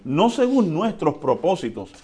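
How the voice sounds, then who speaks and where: A man preaching a sermon in a conversational way, often checking in with the congregation and swinging between quiet and loud. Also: fairly high pitch, unhurried, breathy edge. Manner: lively swings between soft and loud, with chuckles. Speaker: pastor.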